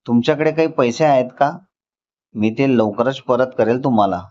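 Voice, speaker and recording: A man voicing a secretive young woman who asks her boyfriend for help, in a slow, pleading storybook reading. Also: medium pitch, warm tone, close to an everyday voice. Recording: slightly dull lo-fi recording.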